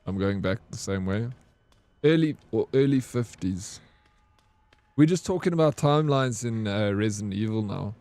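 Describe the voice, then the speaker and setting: A man's voice: on the low side, lively intonation, normal speed, darkish tone. A man in his forties chatting casually with his live-stream chat, joking and answering comments. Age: 40s. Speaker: game streamer.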